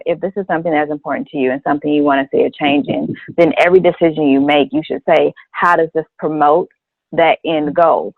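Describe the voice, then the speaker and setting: A woman giving her views as a panel guest in a deliberate, articulate way. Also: low-pitched, creaky, dry recording. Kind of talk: conversational panel discussion, measured opinion. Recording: narrow, phone-like radio sound, dry.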